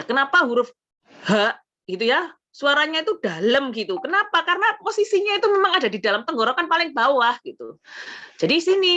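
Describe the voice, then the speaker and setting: With a slightly high, sharp voice on dull audio, a woman with an Indonesian accent gives a casual Quran recitation lesson. She explains patiently, often adding "gitu ya," and sounds out letters aloud to demonstrate.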